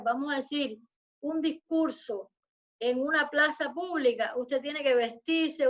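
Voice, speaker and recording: A high-pitched woman lectures to students over a video call, her speech measured and explanatory. The audio comes through dull and lo-fi. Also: sharp tone. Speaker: university lecturer. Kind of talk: online lecture.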